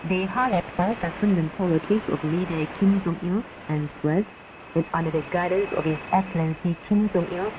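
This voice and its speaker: A woman reads a formal, scripted state news bulletin in the solemn, measured manner of a North newsreader. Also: lowish voice. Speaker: radio newsreader. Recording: tinny, noisy shortwave radio recording.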